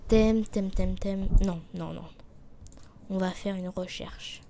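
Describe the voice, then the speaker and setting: A woman giving casual commentary while playing a game, reading the on-screen text aloud and muttering to herself, sometimes dropping to a quiet whisper as she thinks. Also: mid-range voice, steady tone, takes it slowly, creaky, slight background noise. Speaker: let's play gamer.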